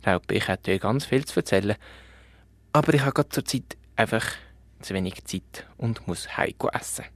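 A man with a Swiss German accent voicing an eager, cheerful little bear cub in a children's story, talking in an excited, breathless kid voice. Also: fairly low pitch, normal speed, natural voice.

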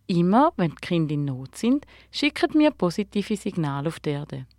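A woman voicing a kindly, clumsy male guardian star who has fallen to earth, speaking gently and explaining patiently in a storybook tale. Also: on the low side, big pitch swings, normal speed, dry recording, studio quality.

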